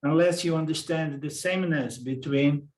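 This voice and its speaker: A man's voice: fairly high pitch, normal speed, darkish tone. Brazilian man teaching in an echoey room. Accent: Brazilian Portuguese. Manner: repeats words, asks "okay?" to check understanding. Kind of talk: lecture on Vedanta philosophy.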